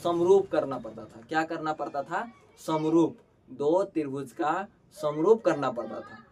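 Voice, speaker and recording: A man from Bihar teaches a board-exam lesson colloquially, asking questions and answering them himself and calling his students "babu". His voice is on the high side, expressive and a little mellow, at a measured pace. A distant mic picks up faint background noise.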